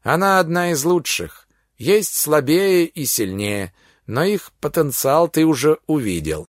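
A man's voice: a little high, measured pace, no echo, studio quality. Man reading as a blunt werewolf warrior woman. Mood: cool, blunt. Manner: calm, blunt, menacing. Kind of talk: audiobook character reading.

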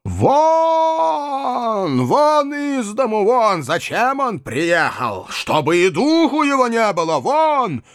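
A man's voice: extremely high pitch, huge pitch swings, takes it slowly, clear, resonant tone, dry recording, clean studio sound, voice pushed up, full character voice. A man voicing an imperious old grandmother who shrieks commands in a fury, in an audiobook. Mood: furious.

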